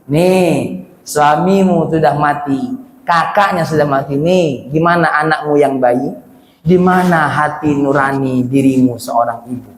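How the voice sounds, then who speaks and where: A man's voice: on the high side, a little slow, a little hiss or hum, pitched below the performer's own voice, natural voice. A man voicing a cruel male tyrant king who interrogates and threatens, in an echoey hall. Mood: menacing. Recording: echoey hall, faint ambience.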